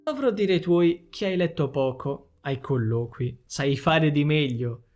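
A man voicing a young woman teacher who speaks softly and a little hesitantly, slightly above his own pitch. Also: animated, measured pace, faint music behind. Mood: tentative.

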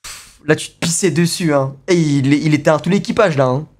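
On the high side and a little fast, a young man's voice carries his excited live-stream reaction to a video, packed with slang and exclamations he keeps repeating.

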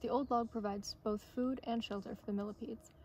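Outdoors on a forest trail, a young adult intern reads a children's nature storybook aloud in a fairly high, steady, somewhat dark voice at a brisk pace. She's recorded by a camera or phone from a short distance away, with clear outdoor ambient noise around her.

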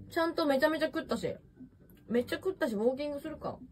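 A woman's voice: high voice, fast, a little mellow, slight background noise. A young woman chatting casually on a livestream while eating, rambling and answering viewer comments, recorded on a smartphone at home. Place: messy room at home.

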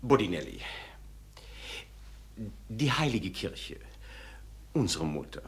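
An actor playing a sly, genial abbé diplomat in a German-dubbed period series, talking suavely and with amusement. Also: male voice, lowish voice, very animated, slow, full character voice. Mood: wry. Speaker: abbé, papal envoy.

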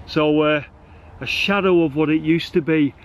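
Standing outdoors inside an enormous concrete cooling tower, a middle-aged vlogger who explores urban sites narrates casually, brimming with excitement, exclamations and rambling enthusiasm. His voice is a little high and moves at a moderate pace. It's captured on a camera mic in handheld selfie framing.

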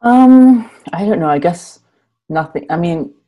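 A Malaysian woman in her thirties, a guest content creator, chats and laughs easily in a casual video call interview from a small room at home. Her lowish voice comes at a measured pace through an earphone mic, sounding narrow and tinny, and her manner is relaxed, giggly and chatty.

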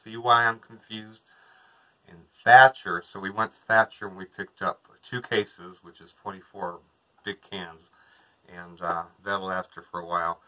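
A man's voice: low-pitched, flat delivery, normal speed, sharp tone, rough recording. A man in his thirties, a vlogger, chatting casually to a camera across from him inside a small trailer. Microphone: camera a couple of metres away.

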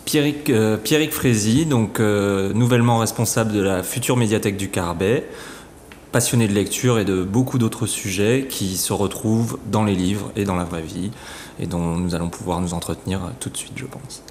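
A man's voice: lowish voice, steady tone, normal speed, darkish tone. A man, a studio guest, introducing himself hesitantly with fillers. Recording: distant mic in a reverberant room, faint noise.

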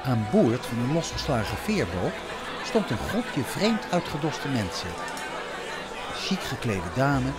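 Slow expressive male storyteller. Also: mid-range voice, loud music behind the voice, a loud crowd. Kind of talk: scripted children's story narration.

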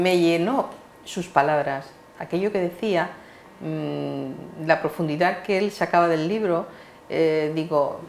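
Female co-host, lowish voice, halting delivery, roomy echo. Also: a little hiss or hum. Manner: hesitant, searching for words. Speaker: co-host and guest professor. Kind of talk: casual TV chat.

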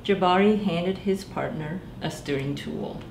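In an echoey small library room with faint background noise, a librarian in her thirties reads a picture book aloud for children's storytime. Her fairly low, gravelly voice moves a little slowly, and she animatedly voices the characters while addressing the children directly.

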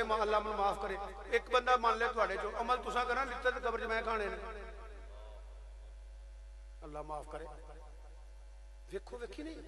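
Fiery high-voiced preacher with Punjabi accent. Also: male voice, sharp tone, a little hiss or hum. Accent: Pakistani Punjabi. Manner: fiery and emphatic, urging the crowd to respond. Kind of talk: Punjabi religious speech to a crowd. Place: outdoor religious gathering. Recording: echoey live gathering, crowd audible. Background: crowd.

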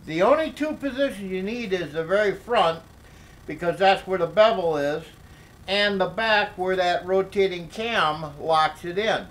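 An older man explaining a workshop project at his workbench, talking slowly with many fillers and restarts. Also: high voice, fairly bright tone, poor audio. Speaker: DIY workshop instructor. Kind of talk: hands-on workshop tutorial.

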